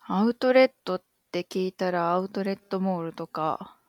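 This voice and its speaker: A woman's voice: lowish voice, normal speed, no room sound, clean studio sound. A woman co-hosting a casual podcast, guessing answers aloud and agreeing often in short affirmations. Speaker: podcast co-host answering quiz.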